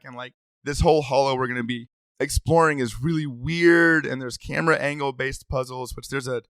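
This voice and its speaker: A man's voice: mid-range voice, a bit bright, dry recording. An eager man co-hosts a podcast, chatting casually and breaking into laughs. His voice sits in the middle range, and the recording is dry and close on the mic. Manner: eager, quick restarts, laughs often. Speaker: podcast co-host. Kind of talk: casual gaming chat.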